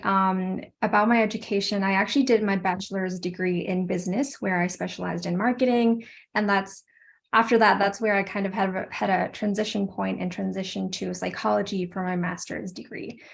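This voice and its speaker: A woman speaking on an online panel over a video call, measured and thoughtful. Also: mid-range voice, vocal fry. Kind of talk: casual online panel talk.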